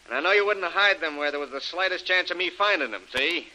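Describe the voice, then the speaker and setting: A menacing tough-talking villain. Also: male voice, fairly high pitch, lively intonation, fast, pushed and bright, low-quality recording. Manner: tough-guy slang, threatening. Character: menacing adult male villain, cold bully. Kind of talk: 1930s radio drama acting.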